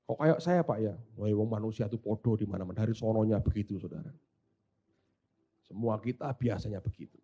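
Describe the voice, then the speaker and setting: A male pastor preaching a sermon. He switches between hushed asides and loud, dramatic exclamations. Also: lowish voice, a little fast, husky, muffled recording.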